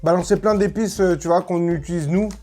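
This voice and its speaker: Woman, lowish voice, casual tasting host, chatty, emphatic, colloquial, faint music underneath. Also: brisk, warm tone. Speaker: host of food tasting video. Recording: music playing behind.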